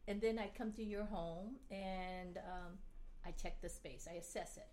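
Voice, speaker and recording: A woman being interviewed, calmly explaining her working process step by step. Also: fairly low pitch, a little slow, slight background noise. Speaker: guest. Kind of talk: casual interview.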